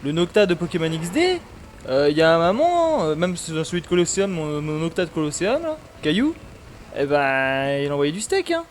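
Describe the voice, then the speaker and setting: A man's voice: fairly high pitch, sing-song, moderate pace, a little hiss or hum. A man chatting casually on a gaming stream, rambling with lots of fillers.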